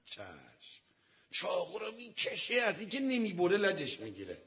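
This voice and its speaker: A man preaching to an audience of men, telling a sacred story dramatically and swinging from hushed asides to loud outbursts. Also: sits high, huge pitch swings, lo-fi sound. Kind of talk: storytelling sermon to a male audience.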